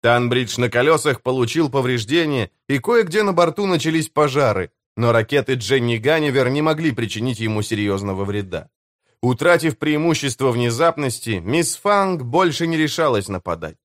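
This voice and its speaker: Мужчина-чтец ровно и размеренно читает приключенческую аудиокнигу. Голос средней высоты, запись сухая, без эха комнаты. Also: male voice, mid-range voice, lively intonation, normal speed, no echo, studio quality. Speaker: audiobook narrator. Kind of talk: scripted narration.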